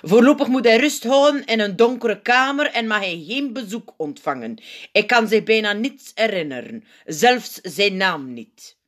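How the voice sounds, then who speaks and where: A woman voicing a calm, serious male elf doctor in an audiobook, measured and earnest. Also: medium pitch, voice pushed up. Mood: grave.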